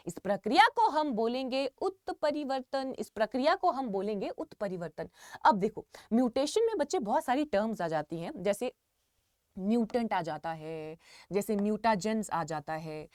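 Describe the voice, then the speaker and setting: A woman's voice: a little high, no echo, studio quality. A young woman with an Indian accent giving an online lecture to students, repeating key points with emphasis and calling them kids. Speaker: teacher.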